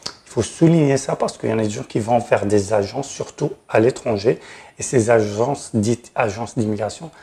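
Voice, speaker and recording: This Tunisian man hosts an explanatory advice video as a channel host and regulated immigration consultant. His voice is fairly low, creaky and dark, at normal speed, with a little hiss or hum. He speaks frankly and directly, stressing key words.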